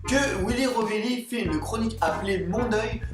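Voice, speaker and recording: A woman's voice: fairly high pitch, normal speed. A woman in her twenties hosting a video with chatty narration and playful, theatrical asides. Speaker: video host. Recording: roomy, distant mic, loud music. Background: loud music.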